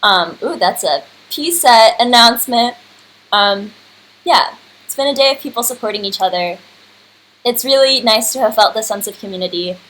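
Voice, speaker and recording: A woman in her early twenties hosts and curates an unscripted livestream, speaking casually and effusively in a fairly high, expressive, slightly bright voice at normal speed. The home computer recording is clearly noisy.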